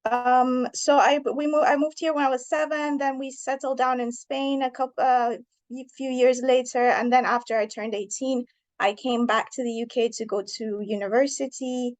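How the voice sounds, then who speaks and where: A woman's voice: sits high, steady tone, moderate pace. A woman in her thirties, originally from Iran, an author answering interview questions thoughtfully and earnestly.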